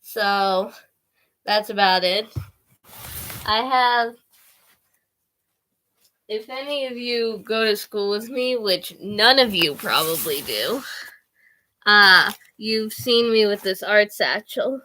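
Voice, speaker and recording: Slow-talking teen girl vlogger, bright voice. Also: mid-range voice, animated, slight background noise. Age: teens. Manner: rambling, with many "like" and "um" fillers. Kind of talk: casual chat to camera. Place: her own bedroom.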